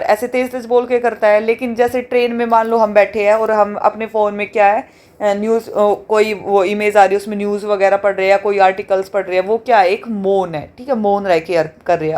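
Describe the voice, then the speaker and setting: A woman teaching an exam revision lesson, explaining points with everyday examples and often checking in with a quick question. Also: medium pitch, darkish tone. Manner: explains with everyday examples, keeps asking "theek hai?".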